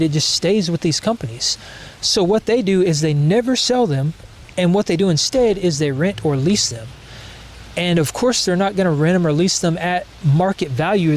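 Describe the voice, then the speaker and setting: A man in a commentary clip, explaining in a steady, explanatory way. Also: on the high side, slight background noise.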